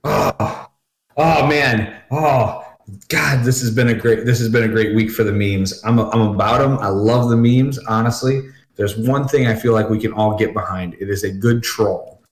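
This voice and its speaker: A man's voice: lowish voice, normal speed. A young man co-hosting a casual podcast, joking and self-deprecating. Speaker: podcast co-host. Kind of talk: casual chat. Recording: echoey room.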